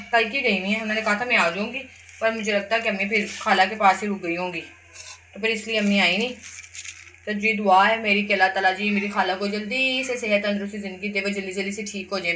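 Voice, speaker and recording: A woman's voice: mid-range voice, bright, forceful tone, a little hiss or hum. A young woman, a mother, chatting casually to her viewers in a rambling family vlog.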